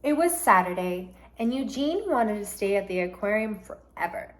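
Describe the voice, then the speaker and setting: A female teacher with a medium-pitched voice reads a storybook aloud to children. Her delivery is deliberate, instructive and expressive, and she explains vocabulary along the way.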